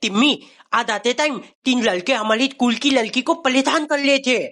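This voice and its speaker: A woman's voice: high-pitched, normal speed. A woman voicing a young schoolboy who brags about playing the hero, in a comedy skit. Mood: bragging. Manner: bragging, excited. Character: boastful young schoolboy trying to play hero.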